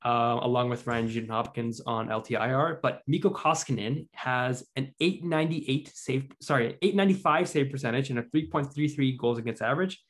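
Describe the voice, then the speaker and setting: A man's voice: medium pitch, fairly quick, few pauses. A man hosting a casual sports podcast, chatting loosely and rattling off stats. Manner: chatty, reads out stats and quotes. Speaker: podcast host.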